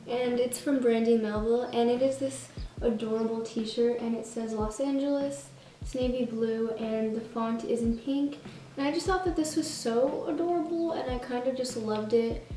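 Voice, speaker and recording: A woman's voice: fairly high pitch, a little slow, mellow, far from the mic, slight background noise. A teenage girl chatting through a clothing try-on haul, bubbly and chatty with self-mocking asides. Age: teens. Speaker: vlogger. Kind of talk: casual try-on haul chat. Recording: roomy sound from off the mic.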